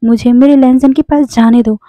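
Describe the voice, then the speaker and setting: A woman's voice: sits high, steady tone, no room sound, dull audio, lightly acted. Impulsive young man, as a woman reads him. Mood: angry, pleading. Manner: pleading, quick-tempered. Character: impulsive young man searching for a loved one.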